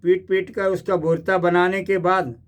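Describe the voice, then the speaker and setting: A man narrating a comic story in a measured, scripted way. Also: high-pitched, little pitch movement.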